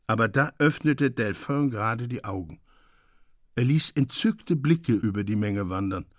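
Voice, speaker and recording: A man reads a classic tale aloud for radio, lively and expressive in his storytelling. His mid-pitched voice is dry and close to a studio microphone, with no room sound. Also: unhurried, no echo. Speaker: narrator. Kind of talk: literary radio reading.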